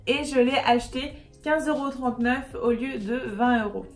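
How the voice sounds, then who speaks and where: A woman's voice: high voice, normal speed, soft background music. A woman beauty vlogger chatting casually and upbeat through a makeup haul, with many fillers.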